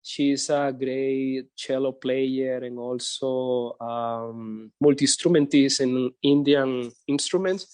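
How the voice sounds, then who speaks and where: A man from Colombia, a composer and guitarist, introducing himself over a video call in a hesitant, halting way with many fillers. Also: mid-range voice, steady tone, darkish tone, no room sound. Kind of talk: casual spoken introduction.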